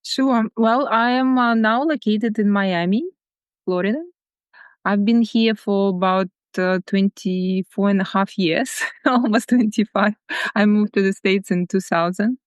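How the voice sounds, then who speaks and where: A woman from Ukraine with a Ukrainian accent, speaking reflectively as a guest in a podcast interview, often repeating words and laughing softly. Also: medium pitch, fairly even intonation, a little slow, clear, resonant tone, no echo, studio quality. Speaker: guest artist.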